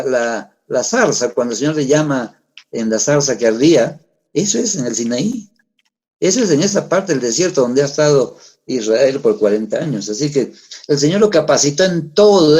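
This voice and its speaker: A man's voice: a little high, a little mellow. A middle-aged man, preaching a sermon in a conversational way, asking the congregation rhetorical questions. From Peru. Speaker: pastor.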